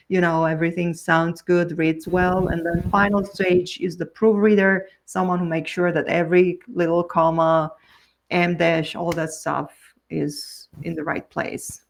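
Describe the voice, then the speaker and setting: A Romanian woman whose first language is Romanian answers podcast questions in her own language as a book coach. She comes across as earnest, frequently restarting her sentences and jumping up in pitch on key words.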